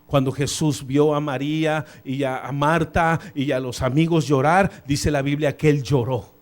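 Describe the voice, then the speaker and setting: A man preaches in a church, his fairly high voice climbing for emphasis and then dropping to quiet asides. He is lively and informal, tossing in English phrases as he leads the congregation through scripture. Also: measured pace. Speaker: pastor. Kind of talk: sermon. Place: church sanctuary.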